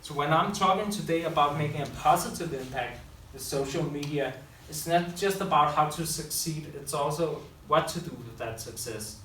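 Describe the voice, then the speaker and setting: Heard from a distance in an echoey room with faint hiss, a male school teacher and public speaker addresses an audience. His voice is a little high and a bit bright, moving at a moderate pace with few pauses. He speaks loosely without a script and frequently corrects himself partway through sentences.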